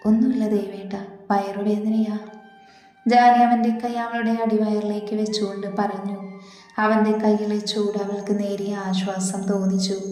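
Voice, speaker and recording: A woman narrating a romance story aloud in a soft, steady reading voice. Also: mid-range voice. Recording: echoey reverberant room with faint music.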